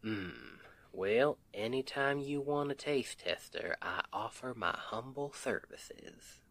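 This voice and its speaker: Heavily acted and unhurried, this man's mid-range voice has lively intonation, vocal fry and a slightly bright quality. He's portraying a sweet, weary Southern US roofer and husband in an intimate ASMR roleplay, carrying one side of the conversation in a folksy, teasing, affectionate drawl, with a curious, loving mood.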